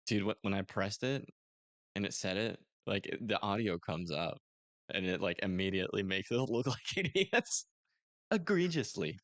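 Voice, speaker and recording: A man's voice: low voice, normal speed, dry recording. A man co-hosting a podcast in casual chat, joking, laughing often and stubbornly arguing his point. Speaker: podcast co-host.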